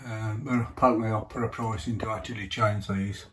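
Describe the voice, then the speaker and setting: Man, low voice, electrician, casual work vlog, thinking aloud, noisy background. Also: fairly even intonation, fairly quick.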